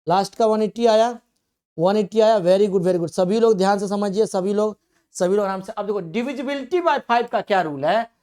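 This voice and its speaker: A man's voice: high voice, moderate pace, warm tone, smooth. Repetitive, coaxing male classroom teacher. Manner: repetitive, coaxing, asks and answers own questions. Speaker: coaching teacher. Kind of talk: classroom math lecture.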